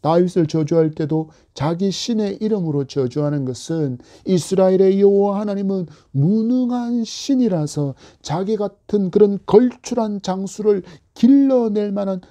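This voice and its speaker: A male pastor giving an earnest, measured expository sermon. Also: sits high, expressive, mellow. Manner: earnest, measured preaching with dramatic quoted voices.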